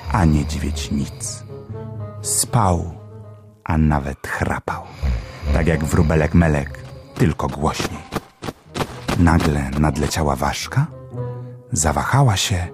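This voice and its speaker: A man narrating a children's storybook in a gentle, expressive reading. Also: very deep voice, slow, pauses often, over music. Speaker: audiobook narrator.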